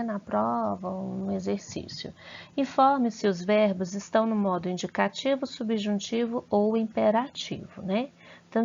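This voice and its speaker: A woman's voice: a little high, creaky, darkish tone, highs cut off. Encouraging Brazilian woman teaching grammar. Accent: Brazilian Portuguese. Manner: encouraging, asks the class questions and praises answers. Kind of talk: grammar lesson over slides.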